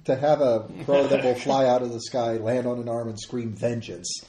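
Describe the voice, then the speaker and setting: A man's voice: mid-range voice, fairly even intonation, moderate pace, dark tone. Guy at a game table explaining stuff, mid voice, roomy sound. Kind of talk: casual table chat. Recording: echoey room, noisy, clicks.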